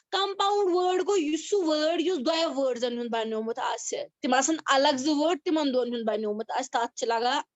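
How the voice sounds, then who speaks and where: A woman teacher giving an English grammar lesson over a video call, explaining slowly and mixing English terms into her speech. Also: high-pitched, no echo. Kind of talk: online class lesson. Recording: dull, dry video-call audio.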